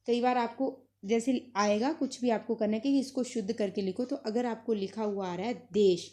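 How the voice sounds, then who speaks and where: A woman's voice: fairly high pitch, darkish tone. A woman teaching a grammar lesson, saying each example word twice for practice and switching between Hindi and as she explains. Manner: mixes Hindi and Punjabi while explaining.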